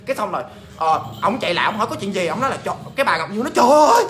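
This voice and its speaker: A man telling a ghost story in a chatty, animated way, talking straight to his listeners. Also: high-pitched, very fast, a little hiss or hum.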